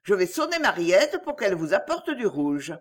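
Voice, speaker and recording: Woman playing a soft-spoken young friend, high and pleading, lively intonation. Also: normal speed. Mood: firm. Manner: soft and soothing, pleading, firm when needed.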